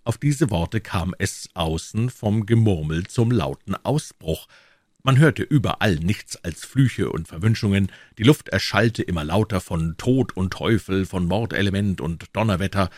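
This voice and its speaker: A man narrating an audiobook in a measured, even reading. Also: sits low, dry recording, studio quality. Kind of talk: scripted narration.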